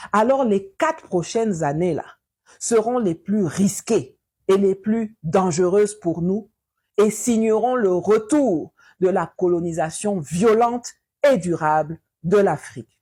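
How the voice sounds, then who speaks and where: A woman's voice: mid-range voice, dark tone, slightly rough. A woman delivering an impassioned political address, insistent and rhetorical, repeating phrases for effect.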